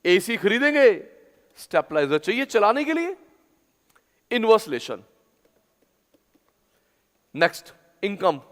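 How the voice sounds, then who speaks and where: A male teacher giving a classroom lecture, drilling terms through loud, chanted call-and-response repetition. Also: high voice, sing-song, takes it slowly, long pauses. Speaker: commerce teacher. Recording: long hall reverb.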